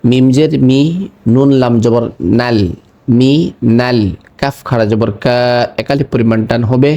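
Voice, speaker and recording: A man teaching Quran reading, spelling each word slowly and patiently, letter by letter, then saying it whole. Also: medium pitch, little pitch movement, mellow, dull audio. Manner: chants the verse words in a drawn-out melodic recitation. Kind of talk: slow letter-by-letter recitation lesson.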